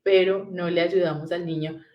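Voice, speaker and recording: A woman's voice: fairly low pitch, fairly even intonation, normal speed, roomy sound, muffled recording. A woman patiently explaining how to talk to small children, often checking that she is understood. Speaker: parenting talk guest. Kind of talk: conversational talk on parenting.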